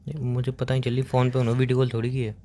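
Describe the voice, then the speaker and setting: A man's voice: mid-range voice, monotone, rapid-fire, mellow, a little hiss or hum. A young man making a prank phone call to his girlfriend, accusing her in a teasing, mock-serious way.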